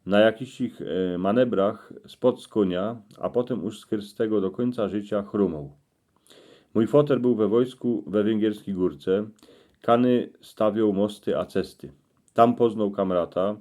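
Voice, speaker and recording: A man with a low-pitched, very mellow voice speaks in a Cieszyn Silesian accent. He delivers a storytelling monologue in regional dialect, in a folksy way that speaks straight to the listener. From Cieszyn Silesia, Poland.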